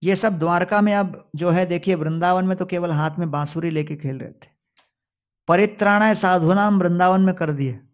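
Male preacher, devotional storytelling discourse, quotes Sanskrit verses, high voice. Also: moderate pace. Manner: storytelling, quoting Sanskrit verses, mixing in English words.

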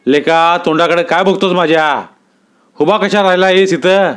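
A man voicing a stern older village landlord who talks gruffly and scolds. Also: sits high, normal speed, pitched above the performer's own voice, close to an everyday voice. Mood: angry scolding.

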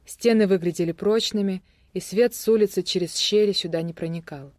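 A narrator giving a steady, even audiobook reading of a thriller. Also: medium pitch, a little fast, no room sound, studio quality.

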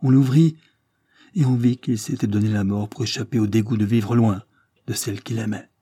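A man's voice: fairly even intonation, moderate pace, no room sound, clean studio sound, lightly acted. A man reading an audiobook, voicing a devoted elderly peasant nursemaid who speaks earnestly and urgently. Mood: urgent telling. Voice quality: raised pitch, forceful. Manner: earnest and pleading.

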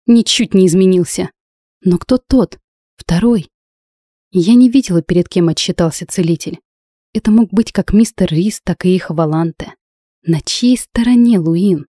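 A woman's voice: on the low side, mellow, dry recording. A woman narrating a first-person fantasy audiobook with intense, emotional delivery, recorded close to the mic.

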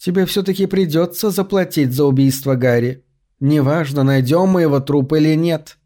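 A man's voice: on the high side, moderate pace, warm tone, natural voice. A man voicing a gleeful, falsely sweet woman who mocks with sing-song sarcasm. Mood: mocking.

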